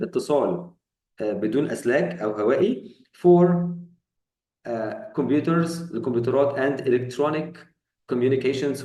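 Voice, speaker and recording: A man's voice: mid-range voice, a little mellow, reverberant, recorded from a distance, rough recording. A man with an Egyptian Arabic accent teaching English vocabulary, explaining each term in colloquial Arabic and asking his students questions. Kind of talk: vocabulary lesson.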